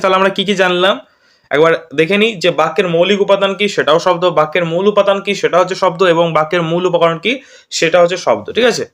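A man's voice: high-pitched, fairly bright tone. A male teacher from West Bengal giving an exam-prep grammar lesson, constantly checking with "right?" after each point. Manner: repeats "ঠিক আছে?" after each point, quizzing students.

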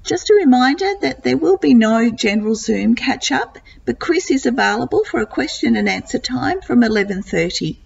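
Hoarse woman leading a church closing. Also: fairly high pitch, sing-song, normal speed, hardly any pauses, muffled recording. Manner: gentle, informal, with fillers. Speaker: church service leader. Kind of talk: closing remarks and prayer.

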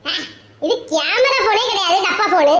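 A brash, scolding woman with a Kanyakumari Tamil accent, acting out a comic family skit in a very high, shrill voice. She talks in a lively, teasing, chiding way. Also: normal speed, a crowd in the background. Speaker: comedy skit creator.

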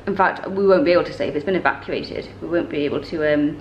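Speaking quickly in a low voice, a travel vlogger from northern England talks casually to her arm's-length camera, rambling and frequently fixing her sentences as she goes. She moves between a hotel room and a busy street. The audio sounds roomy and muffled, with slight background noise.

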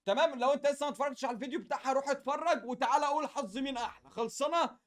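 A young man with an Egyptian Arabic accent doing casual, slangy gaming commentary in an excitable, repetitive way. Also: very high-pitched, very fast. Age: young adult. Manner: excitable, slangy, chatty, repeats phrases. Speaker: gaming YouTuber.

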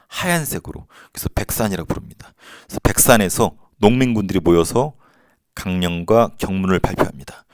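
A man's voice: on the low side, no room sound, studio quality. A man teaching a history lesson to students in a casual, slangy and playful way. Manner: slangy, playful, acts out quotes.

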